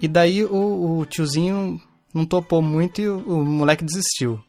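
A man's voice: fairly high pitch, normal speed, a little mellow, faint music behind. A young man in casual chat, telling an anecdote with slangy fillers.

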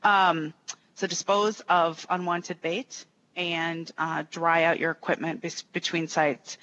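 A woman's voice: fairly low pitch, flat delivery, slow pace, fairly bright tone. A woman from Minnesota, a state official, giving informal, explanatory answers in a conversational interview. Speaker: state natural resources official. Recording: dull lo-fi audio, faint noise.

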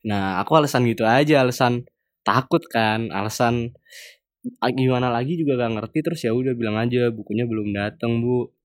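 A young man, a university student, telling a personal story in a relaxed, chatty way, with low muttered asides. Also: brisk, dry recording, studio quality. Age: young adult. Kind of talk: casual storytelling.

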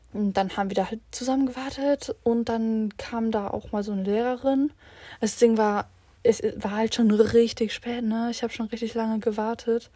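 A teenage girl chatting on her own in a loose, rambling way, full of slang and English words. Her voice sits a little high and sounds mellow and soft-edged. The sound is dry and close, with no room echo. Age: teens. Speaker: vlogger. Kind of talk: casual rambling monologue.

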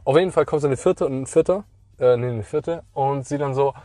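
A young man telling a story in casual chat, slangy and animated, acting out the people in it. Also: mid-range voice, a little fast, no echo.

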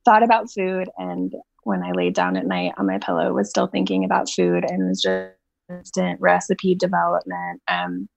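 A woman who is a podcast guest speaks hesitantly, with halting starts, over dull, lo-fi remote audio. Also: fairly low pitch, big pitch swings, creaky, dry recording. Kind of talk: casual interview chat.

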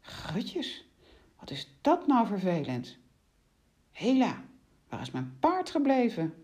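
A woman voicing a flustered male huntsman on horseback, who exclaims loudly and dodges questions. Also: wildly swooping pitch, slow pace. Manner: high-pitched, loud, exclaiming.

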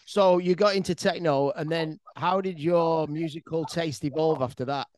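A man's voice: fairly high pitch, steady tone, moderate pace, darkish tone, no echo. A man asking casual interview questions, often stumbling into the start of them.

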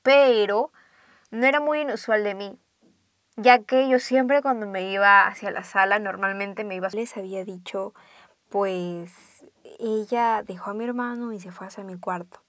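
A young woman, casually telling a ghost story and dropping to hushed tones for suspense. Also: medium pitch, steady tone, measured pace, no echo.

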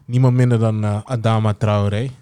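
A man in a casual football podcast, hesitant with many pauses. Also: fairly low pitch, flat delivery, dark tone, smooth. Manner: hesitant, many fillers while recounting. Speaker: podcast co-host.

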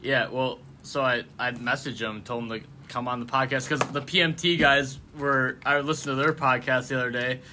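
A man's voice: medium pitch, steady tone, normal speed, few pauses, sharp tone, a little hiss or hum. A man with a lisp hosting a casual podcast chat, joking and laughing often. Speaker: podcast host.

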